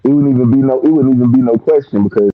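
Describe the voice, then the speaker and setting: A man's voice: medium pitch, racing. A man in a casual boxing debate on an online call. His headset is failing, so he sounds muffled, as if through a wall, and he keeps repeating "you know". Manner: loose, repeats himself with many "you know" fillers. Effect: muffled, as if heard through a wall. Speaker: podcast panelist.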